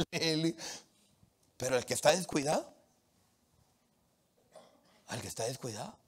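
A man from Latin America preaching a sermon, animated and emphatic, with humorous anecdotes from the street. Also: on the high side, unhurried, slightly rough.

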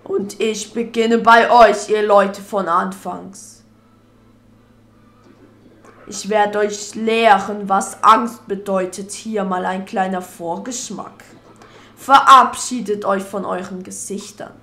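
A woman voicing a menacing dark lord villain while reading game dialogue aloud, with slow, drawn-out, theatrical threats. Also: medium pitch, steady tone.

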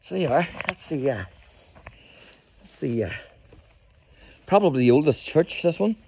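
A middle-aged history trail guide films a casual walking tour vlog on his phone in a rural graveyard, chatting enthusiastically to viewers. His voice is a little high, expressive and creaky, warm in tone, at normal speed with slight background noise.

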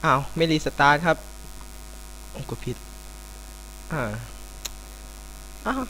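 A young man commentating casually on his own racing gameplay, with sudden excited outbursts, swearing and mock prayers. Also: a little high, slow pace, a little hiss or hum, poor audio. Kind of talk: casual let's-play commentary.

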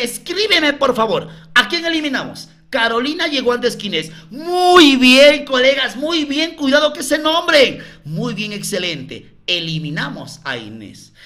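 A man's voice: very high-pitched, sharp tone. A Peruvian man tutoring math in a live online class, coaxing viewers with repeated questions to the chat.

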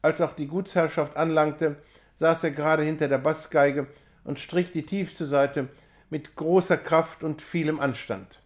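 A man reads a classic novella aloud, measured and expressive. His voice sits slightly high for a man. The delivery is steady literary reading. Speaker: reader.

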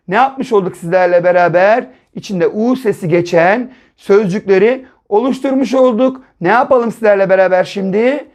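A man's voice: sits high, darkish tone. Man sounding out syllables for children. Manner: slow, syllable-by-syllable, asks children questions. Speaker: primary school teacher. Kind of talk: first-grade reading lesson. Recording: dull lo-fi recording.

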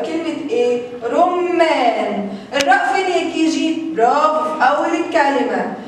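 High-pitched Egyptian woman teaching children. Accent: Egyptian Arabic. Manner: drawn-out, sounded-out words, repeated praise. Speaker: kindergarten teacher. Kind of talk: phonics review lesson for young children. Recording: echoey room from a distance, faint noise.

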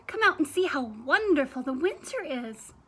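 A woman reading aloud and voicing Frog, an eager, cheerful male frog who coaxes his friend outdoors, in a loud, bright storybook delivery. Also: high voice, very animated, normal speed.

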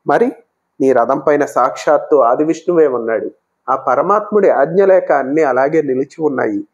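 A man voicing a devoted, wise male monkey god who speaks slowly and explains with reverence. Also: mid-range voice, a little mellow, slightly rough, dull audio, lightly acted.

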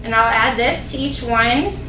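A young woman with a slightly high voice talks through a recipe step by step, friendly and full of ums. She is heard from a distance in a large, echoing demonstration kitchen with a steady hum of noise behind her. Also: measured pace. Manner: friendly, explanatory, many ums and uhs. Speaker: dietetic intern doing a cooking demo. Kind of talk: cooking demonstration. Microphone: distant camera mic. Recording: roomy kitchen sound from afar, background noise.

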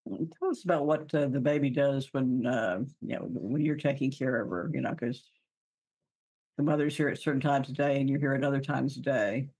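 A man at a tabletop game who speaks haltingly, with many fillers and restarts. His voice is husky and mid-pitched. It sounds dry and close to the mic. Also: a little mellow, dry recording, low-quality recording. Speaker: player. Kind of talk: casual tabletop game talk, partly in character.

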